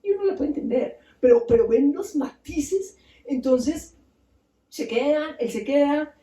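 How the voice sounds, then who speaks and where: Woman author, lively storyteller at a bookstore talk, distant roomy recording. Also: sits high, a little slow. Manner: animated, acts out voices, asks the audience. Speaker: author giving a book talk. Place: bookstore event space.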